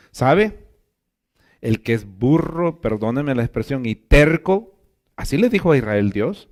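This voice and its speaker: Emphatic male preacher, fairly high voice. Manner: emphatic preaching, swinging between loud exclamations and quiet asides; keeps addressing listeners as brother. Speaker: pastor. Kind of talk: sermon.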